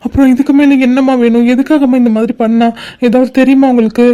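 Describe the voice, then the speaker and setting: A woman's voice: sits high, little pitch movement, quick pace, dark tone, lightly acted. A woman voicing an anxious young man in a cartoon drama, questioning urgently and trying to console his mother. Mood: anxious consoling.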